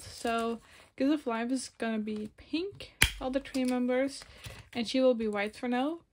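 A soft-spoken Belgian woman in her twenties, a native Dutch speaker, rambles casually and corrects herself as she sorts photocards for her vlog. Her voice is on the high side, and the phone camera recording carries a little hiss or hum.

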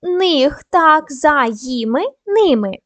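A woman teaching young pupils in a recorded lesson, with a high voice. The sound is close and dry, without any room echo. She takes them through each syllable and letter calmly and clearly. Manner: clear, patient, slow spelling out of sounds and syllables. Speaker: primary school teacher. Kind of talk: video lesson for children.

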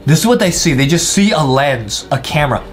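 A young man commentating on a game in casual, excitable style like a scared horror game streamer, alarmed and repeating himself. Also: on the high side, a little fast, background noise. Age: young adult. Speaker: gaming video host. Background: music under the voice.

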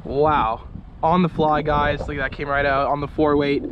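A young man vlogs from a small boat with excited, casual frat-bro chatter. His voice sits a bit high, and clear outdoor wind noise runs behind it. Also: moderate pace, lo-fi sound. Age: young adult. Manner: frat-bro slang, constant dude and bro. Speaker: fishing vlogger. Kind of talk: excited casual vlog commentary.

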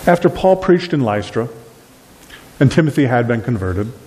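A middle-aged man preaching a sermon as pastor of a small church, animated and gesturing widely. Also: medium pitch, moderate pace, slight background noise. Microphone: far camera at back of room. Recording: long reverb from a church hall.

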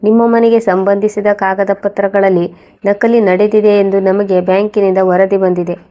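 A woman's voice: medium pitch, level tone, moderate pace, dark tone, natural voice. A woman voicing a stern middle-aged police detective with a formal, businesslike manner.

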